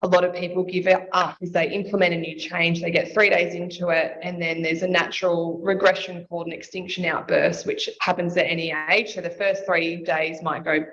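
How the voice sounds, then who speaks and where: A sleep and nutrition consultant, appearing as an expert guest in a casual interview, explains child sleep in a brisk, fairly bright voice. Her lowish voice has little pitch movement and few pauses as she lays out her points step by step in lists. The audio is slightly dull, with faint noise.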